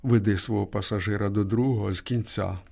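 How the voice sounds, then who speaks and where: Male reader as gruff old trackman, low gravelly, storybook. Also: fairly even intonation, a little fast, darkish tone. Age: older.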